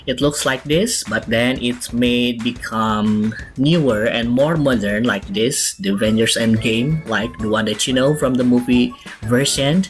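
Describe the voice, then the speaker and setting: A man with an Indonesian accent teaching students as an eager children's host, chatty and often checking in with questions. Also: mid-range voice. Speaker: English teacher. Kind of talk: bilingual lesson presentation for students.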